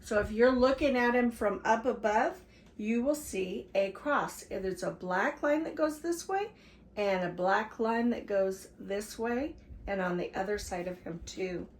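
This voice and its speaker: An older woman reading a picture book to her grandchildren, stopping for animated asides to young listeners. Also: mid-range voice, measured pace. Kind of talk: read-aloud story time. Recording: roomy echo, faint background hiss.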